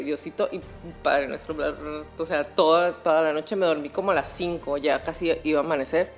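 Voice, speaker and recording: A young woman with a Mexican accent telling a personal story on a podcast in a casual, animated way, full of slang and swearing. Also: low-pitched. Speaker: podcast host.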